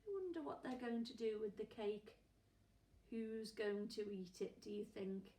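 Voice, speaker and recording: A primary teacher reads a picture book aloud to young children, her medium-pitched, mellow voice expressive and measured in pace. She asks the kids questions, gasping and whispering for effect. The microphone sits far away in a room with a roomy echo.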